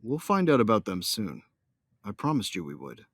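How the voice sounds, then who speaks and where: A man voices a devoted young starship captain narrating his own tale in a science fiction audio drama; the character is a newlywed, a devoted husband, and a loyal son of smugglers. His lowish voice swoops wildly in pitch at a moderate pace, earnest and tender, recorded clean in a studio without echo.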